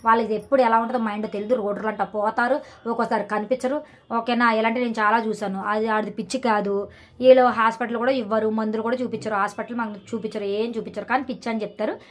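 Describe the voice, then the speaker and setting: A woman vlogger ranting in casual reaction commentary, scolding and sarcastic, often tossing in "okay?". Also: a little high. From Telugu-speaking India.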